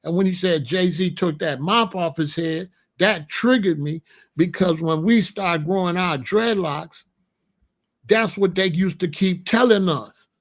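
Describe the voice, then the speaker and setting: An unhurried commentary host with a gravelly, fairly high voice speaks plainly and confrontationally in a casual monologue. His talk is slangy and repetitive, peppered again and again with "you know what I'm saying?"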